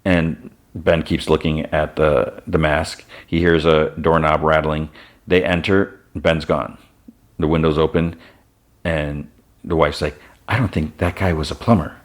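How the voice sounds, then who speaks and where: Speaking a little slowly in an extremely low-pitched voice with fairly even intonation, this man hosts a podcast and walks through a TV episode scene by scene. His loose, casual retelling includes restarts and quick character quotes introduced with "he's like".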